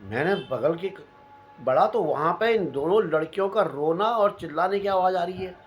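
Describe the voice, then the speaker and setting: Man from Uttarakhand, slightly high-pitched storyteller; animated ghost-experience telling. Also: normal speed, slight background noise. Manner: animated, repeats phrases for suspense. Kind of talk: recounting a personal ghost experience.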